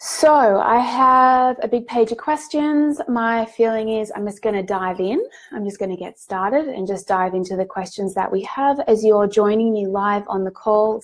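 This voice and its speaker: Slightly nasal from a head cold, a woman with a mid-range voice leads a live group coaching session. Her tone stays soft and reassuring despite frequent ums and false starts.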